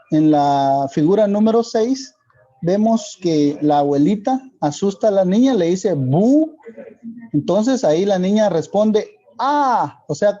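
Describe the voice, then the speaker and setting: A male teacher with a Guatemalan Spanish accent, explaining a lesson slowly and checking in with rhetorical questions. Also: high voice, dark tone, muffled recording. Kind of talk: classroom lesson for video.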